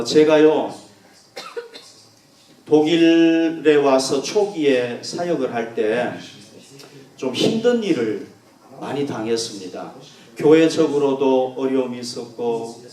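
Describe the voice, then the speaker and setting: A man preaching a sermon as pastor, earnest and emphatic, swinging from loud stresses to soft, quiet endings. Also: medium pitch, animated, slow pace, long pauses. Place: church sanctuary. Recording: echoey church room from a distance.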